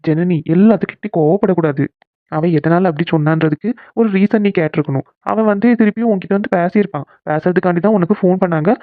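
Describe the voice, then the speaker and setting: A performer voicing a caring young man in a cartoon who coaxes and gently scolds his friend. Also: medium pitch, quick pace, no echo, close to an everyday voice. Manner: coaxing, bossy, gently scolding. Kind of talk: cartoon voice acting. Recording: tinny phone-like sound, dry.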